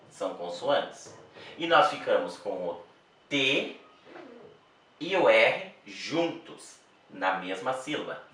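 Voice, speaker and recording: A man gives an exam-prep grammar lesson in a very echoey room, picked up from across the space. His tone is bright and forceful. He speaks slowly, repeats key words, and checks with the class as he goes. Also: mid-range voice, far from the mic. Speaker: Portuguese teacher.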